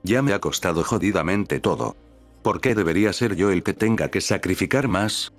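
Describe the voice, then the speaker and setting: A man's voice: deep voice, expressive, normal speed, soft background music. A man voicing a bitter, cynical male shadow being who speaks with scorn and swears.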